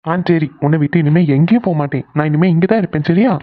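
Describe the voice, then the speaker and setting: A low-pitched young husband in a cartoon soothes his frightened wife with quick, teasing words, as a woman voices him. The sound is tinny and phone-like. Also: no echo, natural voice. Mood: reassuring. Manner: reassuring, teasing. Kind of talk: cartoon voice acting.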